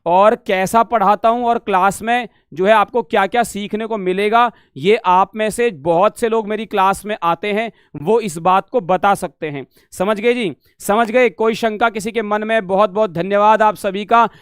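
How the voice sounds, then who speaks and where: A man leads a live online exam-prep lesson in a high, resonant voice. He repeats each point, keeps asking whether students have understood and turns the questions back on them. The sound is dry and close. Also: moderate pace, few pauses, clean tone, no room sound. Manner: repetitive, asks "samajh gaye?" often, calls students beta; drills questions back at the class. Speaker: Sanskrit teacher.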